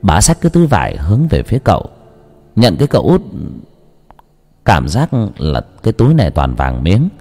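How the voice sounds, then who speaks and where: Deep-voiced male horror storyteller. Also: wildly swooping pitch, fairly quick, darkish tone. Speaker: narrator.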